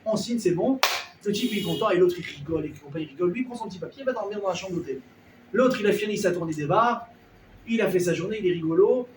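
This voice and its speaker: Man preacher with a high voice, lively storyteller playing each character; roomy, off-mic sound. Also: fast, slight background noise. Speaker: rabbi. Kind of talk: storytelling sermon. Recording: echoey room, voice a bit far from the mic.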